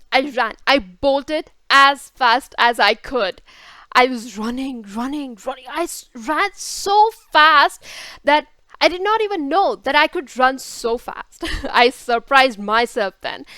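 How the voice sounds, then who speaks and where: High, slow-spoken woman telling a story. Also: sharp tone, smooth, dry recording. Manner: dramatic, repeats words for effect. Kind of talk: storytime vlog.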